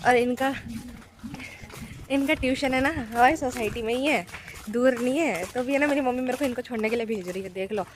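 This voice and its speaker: A chatty woman vlogger with a slightly high voice, talking casually to her viewers about her day. She turns heated and emphatic when something annoys her. Clear background noise runs under the recording. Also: brisk. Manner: chatty, talks straight to viewers. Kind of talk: casual daily vlog chat.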